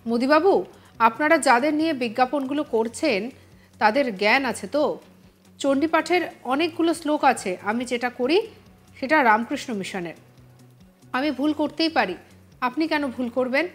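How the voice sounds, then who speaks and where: Woman, high voice, news voice-over, brisk and even, faint music behind. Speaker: news reporter.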